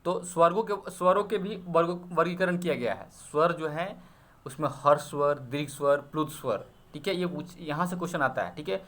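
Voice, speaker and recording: A man's voice: fairly high pitch, moderate pace, fairly bright tone. A man teaching an exam-prep grammar lesson, explaining step by step and checking often that students follow. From Bihar.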